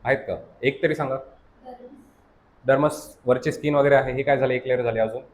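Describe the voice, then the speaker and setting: A man's voice: mid-range voice, fairly even intonation, fairly quick. A male science teacher with a Marathi accent, lecturing a class and constantly checking that students understand, mixing English terms into his explanations. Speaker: science teacher at a coaching academy.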